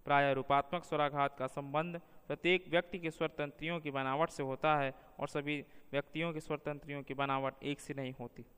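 Male teacher, measured read-aloud lesson, very resonant voice, reverberant room. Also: fairly high pitch, flat delivery, fairly bright tone, smooth. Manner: measured, slows down to spell out example words. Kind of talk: reading a linguistics lesson aloud.

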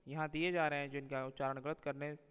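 A man teaching a grammar lesson, reading pairs of words slowly and deliberately, one after another. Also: a little high, level tone, fairly bright tone, smooth. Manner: slow, deliberate word-by-word reading of spelling pairs. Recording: long reverb.

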